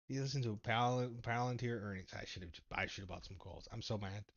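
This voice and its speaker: A man hosting a casual stock market livestream, animated and laughing, swinging from low mumbles to loud exclamations. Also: normal speed, highs cut off.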